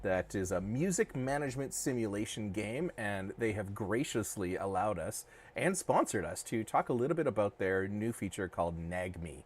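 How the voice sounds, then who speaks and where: A man's voice: fairly low pitch, lively intonation, moderate pace. A middle-aged man co-hosting a casual livestream, rambling and joking as he restarts his sentences. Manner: rambling, self-correcting, jokey. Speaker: co-host of a crypto dev livestream.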